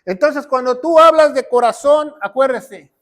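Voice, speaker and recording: A man's voice: extremely high pitch, unhurried, a bit bright. A man preaching as a pastor and Bible teacher, asking rhetorical questions and reading verses aloud. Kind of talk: sermon teaching.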